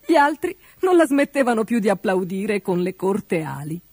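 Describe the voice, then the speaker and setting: Expressive woman reading a fairy tale. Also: medium pitch, normal speed, dry recording, clean studio sound. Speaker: storyteller. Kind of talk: storybook read-aloud narration.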